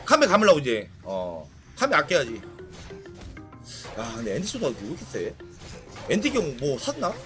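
A man streaming a game live, excitable and trash-talking, swearing and bursting into shouts during fights. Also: on the high side, moderate pace, pauses often, music in the background. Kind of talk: live game-play commentary.

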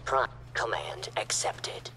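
A man voicing an emotionless facility computer in a video game, making measured, formal, impersonal announcements. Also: low-pitched, lively intonation, sharp tone, whispered, heavily acted. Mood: impassive.

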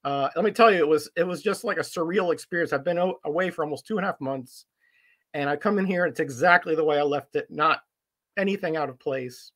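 Guy doing a laid-back live stream from his collectibles room, slightly high voice, lots of uh and um. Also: quick pace, fairly bright tone. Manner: friendly, rambling, frequent uh and um fillers. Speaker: comic collector streamer host. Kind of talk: casual live-stream chat.

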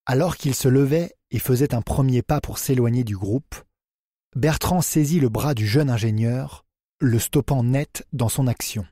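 A man narrating a thriller audiobook in an even, measured reading. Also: mid-range voice, no echo, clean studio sound. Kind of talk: scripted narration.

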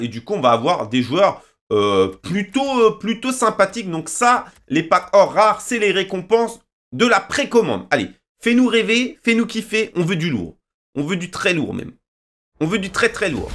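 A young man commenting as he opens packs in a game, often shouting and repeating names in excitement. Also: high-pitched. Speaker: gaming video creator. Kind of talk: excited pack-opening commentary.

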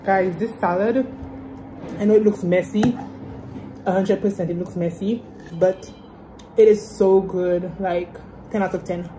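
A chatty, upbeat young medical student from Saint Lucia vlogs on her phone, held at arm's length, as she moves through a stadium, a kitchen, a hospital hallway and a lab, often saying "literally" and "like." Her voice is medium-pitched, mellow and steady, unhurried with frequent pauses. Background noise is clearly audible in the recording.

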